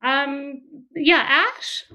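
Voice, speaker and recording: A woman from Austria, a music scholar, talking as a guest in a casual podcast interview, animated and quick to laugh. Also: sits high.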